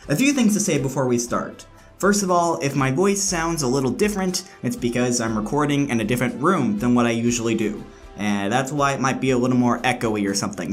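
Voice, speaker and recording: A man with a slightly high voice delivers scripted esports commentary as a host. He is frank and opinionated. Faint music plays behind him, and the room sounds a little echoey. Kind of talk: scripted commentary, countdown rankings. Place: indoor room, different from usual.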